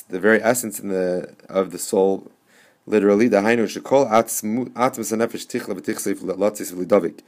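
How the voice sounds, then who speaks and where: Male rabbi, lower voice, teaching a text on his podcast, reads then explains, circles back over phrases. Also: darkish tone. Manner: reads passages aloud then explains them, often repeating and restarting phrases.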